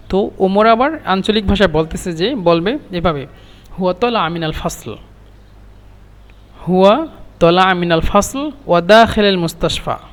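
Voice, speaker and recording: Man, high voice, arabic teacher, repeats phrases slowly, long reverb.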